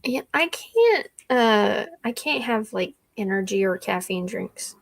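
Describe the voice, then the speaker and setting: A woman's voice: mid-range voice, expressive, slow, vocal fry. A woman co-hosting a reading livestream from home in casual chat, playful and teasing, often laughing.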